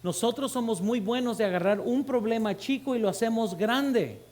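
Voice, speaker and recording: A man's voice: very high-pitched, moderate pace, a little mellow. A man with a Mexican accent, a pastor preaching a sermon to his congregation, calling them brothers and asking them rhetorical questions. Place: church.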